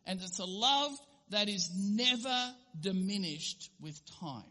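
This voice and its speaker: A man's voice: high-pitched, lively intonation, slow pace, pushed and bright. A male pastor giving an earnest sermon, sometimes acting out little everyday scenes in different voices. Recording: long hall reverb.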